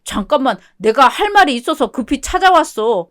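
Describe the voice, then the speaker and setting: A woman's voice: high-pitched, animated, normal speed, a bit bright. A woman voicing a desperate, clingy ex-husband who pleads and pities himself, in a one-voice radio drama reading. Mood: insistent. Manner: pleading, clingy, self-pitying. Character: whiny cheating ex-husband, middle-aged man, desperate.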